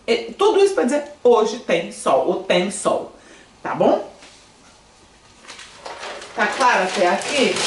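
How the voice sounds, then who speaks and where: A woman's voice: a little high, roomy sound, distant mic, background noise. A woman teaching an online language lesson, talking to her students and often checking that they follow. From Brazil. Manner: lively, asks students often. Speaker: French teacher. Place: room, in front of a screen.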